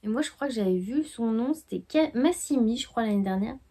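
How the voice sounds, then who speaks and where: A woman's voice: on the high side, animated, brisk, mellow. Chatty, hesitant woman knitting vlogger. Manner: chatty and hesitant, many fillers. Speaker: knitting podcast host. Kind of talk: casual chat.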